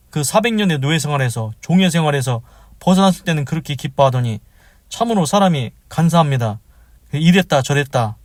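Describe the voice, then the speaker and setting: A man's voice: on the high side, no room sound. A man giving devotional Bible commentary, reading verses and then retelling them in plain speech with rhetorical questions. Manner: acts out the people's complaints in quotes. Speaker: Bible teacher.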